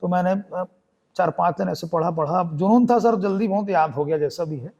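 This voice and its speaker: A young man with a Chhattisgarhi Hindi accent tells his story in a podcast interview. His voice sits high, and he keeps acting out the people he quotes. It is an easy, conversational telling. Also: a little fast, gravelly, darkish tone, highs cut off. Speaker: guest theatre artist.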